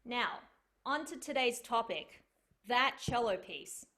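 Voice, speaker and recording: Speaking slowly and expressively, this young Australian cellist has a fairly high, sharp-toned voice. She gives an online lecture from her home over a video call, chatty and earnest, saying um often.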